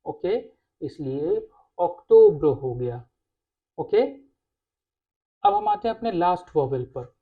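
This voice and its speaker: A woman teaching a language lesson, explaining patiently and pausing on "okay" between points. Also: low voice, expressive, phone-quality sound. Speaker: French teacher.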